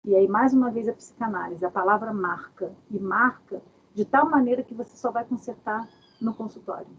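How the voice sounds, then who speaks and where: Uma mulher dá um workshop online de casa, com jeito animado e muitas perguntas retóricas. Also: female voice, a little high, normal speed, slight background noise. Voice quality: very husky. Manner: animated, asks many rhetorical questions. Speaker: workshop speaker. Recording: dull lo-fi video call audio.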